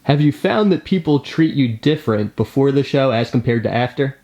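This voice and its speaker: A man's voice: medium pitch, expressive, fairly quick, warm tone. A man interviewing a guest from off camera, asking short, plain questions.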